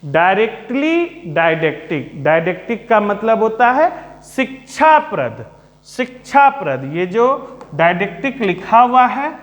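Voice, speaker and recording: A man teaching a literature class, speaking slowly and calmly, repeating and spelling out words for his students. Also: high voice, highs cut off. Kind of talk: Hindi-English literature lesson. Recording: echoey room.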